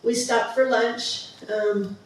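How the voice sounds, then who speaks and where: This woman's voice is fairly high and slow, with fairly even intonation. She presents a travel slideshow casually and enthusiastically, with frequent ums and restarts, in a museum presentation room. A far-off mic in a very echoey room records her, with slight background noise.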